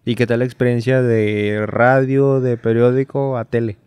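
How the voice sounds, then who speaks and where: A man hosting a casual interview, relaxed and encouraging. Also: medium pitch, normal speed, clean tone, dry recording, clean studio sound. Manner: relaxed, encouraging, short backchannels. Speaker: podcast host.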